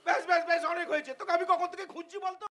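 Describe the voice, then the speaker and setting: A man's voice: very high-pitched, fairly even intonation, racing, pushed and bright, a little hiss or hum. A man playing an anxious father who tenderly pleads with his sick daughter, repeating himself, in live folk-theatre style. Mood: pleading. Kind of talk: live jatra stage acting.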